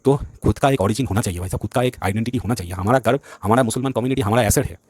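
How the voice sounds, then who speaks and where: In a dry recording, a male vlogger with a mid-range voice speeds through an angry, repetitive political speech in Hindi. He hails from West Bengal, India, and the words "bhai sahab" come up again and again.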